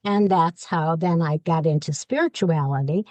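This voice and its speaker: A woman guest tells her own story with lively, candid energy and acts out each voice she quotes. Her voice sits a little low, and the sound is close and dry with no room echo. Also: moderate pace, muffled recording. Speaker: podcast guest.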